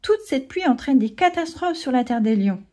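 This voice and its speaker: A woman's voice: high-pitched, lively intonation, normal speed, darkish tone, pitched above the performer's own voice. A woman reading a storybook aloud, voicing an earnest, worried young male lion cub. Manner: earnest, anxious.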